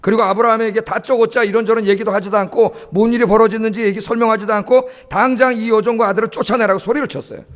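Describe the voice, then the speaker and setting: Male pastor, high voice, sermon, rhetorical questions to the congregation. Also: steady tone, fast, hardly any pauses. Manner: asks the congregation questions and answers them himself; often adds a questioning "예?". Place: church sanctuary.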